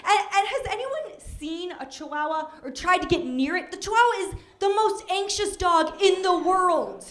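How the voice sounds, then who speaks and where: A woman's voice: extremely high pitch, animated, normal speed, fairly bright tone. A woman telling stand-up jokes as an exasperated rant, often checking that the listener agrees. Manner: exasperated comic ranting, seeks agreement with repeated tags. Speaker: stand-up comedian. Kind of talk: stand-up joke telling with acted quotes. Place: live comedy stage with audience. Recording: live show, faint crowd.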